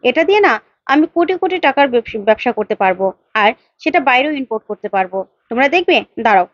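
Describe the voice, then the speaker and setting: A woman's voice: fairly high pitch, sing-song, quick pace, dry recording, dull audio. A woman voicing a gullible young husband who boasts and then pities himself, in a retold serial. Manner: boastful, then self-pitying.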